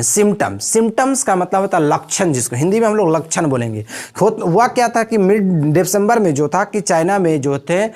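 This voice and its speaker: A man teaching English vocabulary in a lesson. He explains each word step by step and keeps checking in with his students. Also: high voice. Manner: explains step by step, with frequent "theek hai" check-ins.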